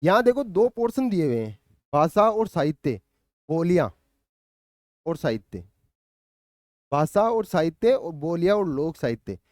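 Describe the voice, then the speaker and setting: A man's voice: on the high side, very animated, a little slow, long pauses, darkish tone, no room sound, studio quality. A male coaching teacher walking students through an exam syllabus, explaining patiently and often checking in with them. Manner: thinks aloud with hesitant fillers and restarts. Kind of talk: syllabus walkthrough lecture.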